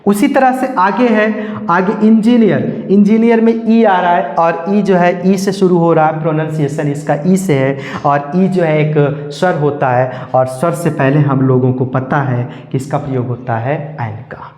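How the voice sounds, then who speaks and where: A man teaching an English grammar lesson, drilling each word slowly and asking questions he then answers himself. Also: a little high, a little mellow. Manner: slow, repetitive drilling of words, asking and answering his own questions. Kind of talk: classroom-style grammar lesson. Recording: echoey room with long reverb.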